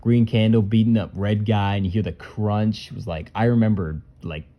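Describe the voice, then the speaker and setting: A man's voice: on the low side, steady tone, moderate pace, muffled recording. A man who makes puppet skits, casually talking through and ranking them in a loose, rambling way. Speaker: puppet skit creator. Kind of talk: casual commentary reviewing skits.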